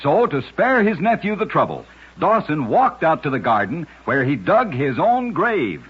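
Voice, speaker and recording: This radio narrator of oddity stories has a higher voice with a breathy edge and a very animated delivery at a moderate pace. Reading scripted short stories emphatically and dramatically, he comes across on a dull lo-fi old radio recording.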